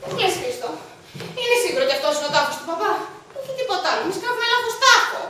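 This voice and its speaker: An actress plays a jittery young woman with a sharp tongue. Her voice sits high and bright. It is heard from a distance, with the roomy echo of a stage. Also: very animated, exaggerated voice. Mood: nervous. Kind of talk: stage comedy acting. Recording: echoey stage from far off.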